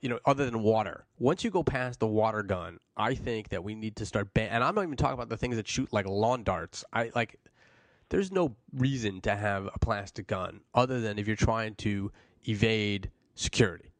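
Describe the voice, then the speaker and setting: Joking talk show host, dry sound. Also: male voice, lowish voice, moderate pace, dry recording. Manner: joking, playful hypotheticals. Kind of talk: casual talk show chat.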